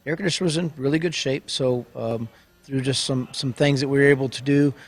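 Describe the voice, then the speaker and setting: A man, owner of a service company and host, reading a letter aloud and talking on a radio show in an earnest, halting way with many restarts. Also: medium pitch, fairly even intonation.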